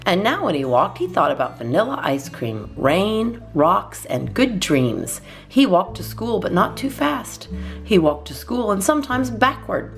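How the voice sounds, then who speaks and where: Acting as a storytime host, a woman reads a children's storybook aloud with expression, in measured phrases and deliberate pauses. Her mid-range voice is very animated, and faint music plays behind her.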